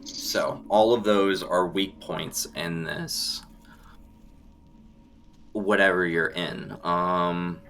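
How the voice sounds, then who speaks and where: A man running a tabletop game as game master, setting scenes in a deliberate, descriptive way. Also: sits low, steady tone, fairly bright tone. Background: background music.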